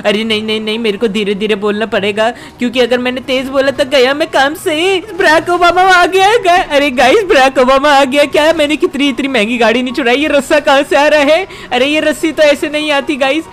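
Woman putting on a mischievous little boy, high squeaky voice, whiny, excitable, panicky cartoonish game commentary. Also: a little fast, few pauses, natural voice. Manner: whiny, excitable exclamations, talks to viewers. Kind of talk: gameplay commentary in character.

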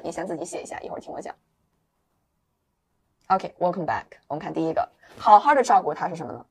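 Here is a woman with a Chinese accent, a native Mandarin speaker, running an upbeat English lesson. She explains phrases, repeats the example sentences, and keeps checking in with her learners using tag questions. Her voice sits at a middle pitch. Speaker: English teacher. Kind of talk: lively online English lesson.

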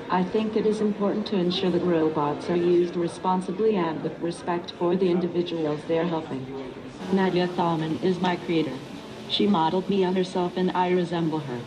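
A synthetic text-to-speech voice of a humanoid care robot, female-sounding, speaking in an even, formal, politely scripted way. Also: fairly low pitch, rough recording.

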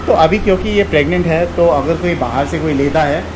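A man's voice: fairly high pitch, a little fast, background noise. A man in his thirties interviewing a farmer on a sheep farm, asking questions into a handheld mic and mixing English phrases into his Hindi. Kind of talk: casual on-site interview. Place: sheep shed on a farm, indoors.

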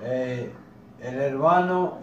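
A man giving a hesitant, halting toast at a home party, repeating his words as he searches for them. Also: mid-range voice, muffled recording. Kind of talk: halting casual speech. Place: small home kitchen at a party. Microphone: far handheld camera. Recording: echoey, distant, noisy room.

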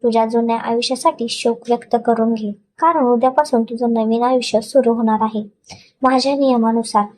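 A woman's voice: fairly high pitch, steady tone, brisk, darkish tone, close to an everyday voice. A woman reading the lines of a cold, domineering young husband in a storybook tale, speaking curtly and in command. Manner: curt, commanding.

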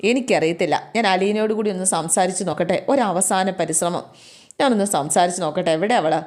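A woman's voice: on the low side, brisk, a little mellow, natural voice. A woman voicing a worried young man who pleads and presses with urgent, coaxing questions. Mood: indignant.

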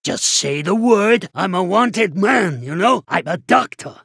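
A trigger-happy wanted doctor from a video game, boastful and threatening. His voice sits high for a male and crackles with gravel. It is very dry and close, with a gruff, slangy swagger. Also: animated, unhurried, fairly bright tone, no echo, full character voice. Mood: cocky, threatening. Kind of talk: animated video game character acting.

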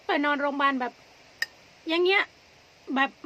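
A middle-aged woman with an Isan Thai accent chats casually to viewers while chewing, pausing between short, rambling phrases. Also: sits high, sharp tone. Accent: northeastern Thai (Isan). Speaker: vlogger. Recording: dull lo-fi audio with background noise.

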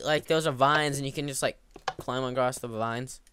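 A man casually commentating a block-building game with a friend, excitable and quick to yelp and laugh. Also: mid-range voice, a little hiss or hum. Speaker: game video co-host.

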